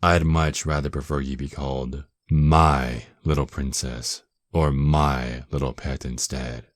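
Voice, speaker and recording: A man playing a very deep, slow vampire lord. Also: level tone, no echo, studio quality. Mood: haughty, commanding. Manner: slow, possessive, mock-tender, taunting. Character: dominant, seductive, menacing male vampire lord. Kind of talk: ASMR roleplay, intimate scripted monologue.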